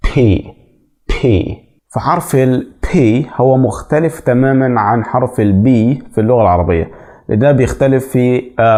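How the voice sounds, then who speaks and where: A man with an Egyptian Arabic accent teaching an English pronunciation lesson, explaining step by step and repeating sounds slowly to demonstrate them. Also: medium pitch, mellow.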